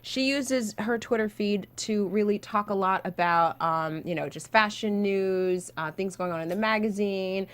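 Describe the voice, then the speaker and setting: An upbeat woman hosts a fashion segment from a studio, chatty and quick. Her mid-range voice keeps an easy, casual talk-show flow. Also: mid-range voice, clear, resonant tone. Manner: upbeat, chatty, reads items aloud.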